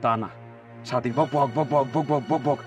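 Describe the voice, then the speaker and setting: An actor playing a scheming husband who takes a second wife, talking in a lively dialect-heavy way. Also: male voice, medium pitch, faint music behind, close to an everyday voice. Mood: lecturing. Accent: Bangladeshi Bangla dialect. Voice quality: animated, lively, fast talker. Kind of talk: comic TV drama.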